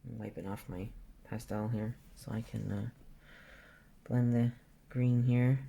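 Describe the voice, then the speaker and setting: This woman's voice rumbles low, gravelly with a breathy edge, at a measured pace. In her forties, the art vlogger chats casually while drawing, thinking aloud about colors and letting sentences fade out.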